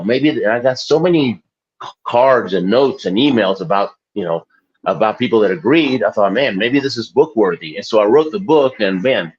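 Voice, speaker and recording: A male interview guest in his forties, known as an Olympic athlete and author, talks at medium pitch with a breathy edge. His casual, wandering chat is full of self-deprecation and laughter, captured in lo-fi sound.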